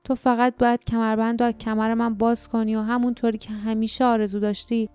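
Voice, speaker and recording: A woman reading the part of a young male hero, speaking quietly and trying to keep steady. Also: on the high side, dry recording, soft background music, lightly acted. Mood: quiet resolve.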